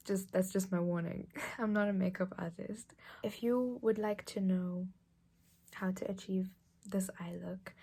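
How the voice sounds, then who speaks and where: A 21-year-old woman, chatting casually through a makeup tutorial in a relaxed, often half-whispered way. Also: medium pitch, slightly rough. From England. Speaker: beauty vlogger.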